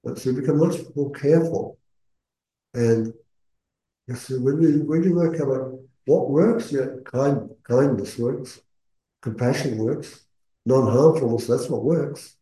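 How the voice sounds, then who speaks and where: A man speaking as a Buddhist meditation teacher, giving earnest, measured spoken teaching with pauses mid-phrase. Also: medium pitch, dark tone. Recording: echoey room.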